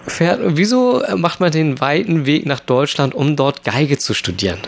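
A man's voice: fairly high pitch, lively intonation, a little slow, creaky, slight background noise. A man hosting a radio magazine, interviewing a student by phone and asking friendly, conversational questions.

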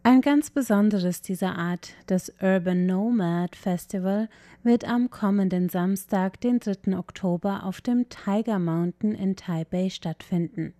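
A woman narrating a scripted radio culture feature in a clear, measured way. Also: medium pitch, dark tone, no echo, studio quality. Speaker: culture reporter.

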